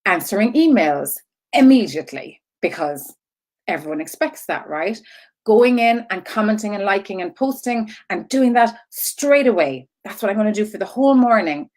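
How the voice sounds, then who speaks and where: Woman, online business coach, informal live teaching, rambling, repetitive, mid-pitched voice, frequent check-ins. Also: lively intonation, normal speed, a little mellow. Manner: rambling, goes off on tangents and circles back; repeats herself and checks in with "right?" and "okay?".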